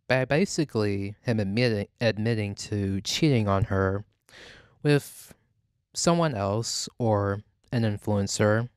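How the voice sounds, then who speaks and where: A man hosting a casual gossip podcast, rambling and halting, with "like" peppered through his sentences. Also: on the low side, clear, resonant tone, no echo, clean studio sound. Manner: rambling, halting, heavy use of "like". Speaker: podcast host. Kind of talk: casual celebrity gossip talk.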